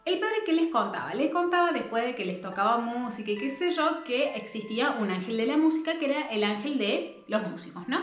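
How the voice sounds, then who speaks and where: A woman's voice: fairly high pitch, animated, fairly quick, hardly any pauses. A woman with a Rioplatense Spanish accent casually retelling a novel in a chatty way, with many fillers and asides to her viewers. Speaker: book narrator. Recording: roomy echo, faint music.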